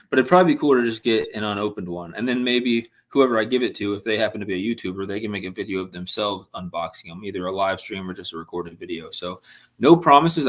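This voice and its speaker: A young man hosts a laid-back fishing livestream, chatting and replying to viewers' messages. His voice is fairly low and a bit bright, though slightly worn from all the talking.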